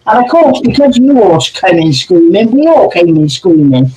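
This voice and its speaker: A man's voice: high voice, big pitch swings, normal speed, a crowd in the background, low-quality recording. A man chatting casually on a livestream as co-host, telling ghost stories and greeting viewers by name over a video call. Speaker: co-host, paranormal investigator.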